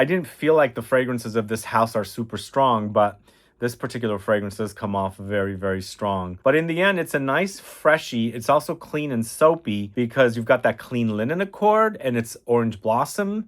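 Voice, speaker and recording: Chatty man reviewing fragrances. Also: mid-range voice. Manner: chatty, with many restarts and fillers. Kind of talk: casual spoken review.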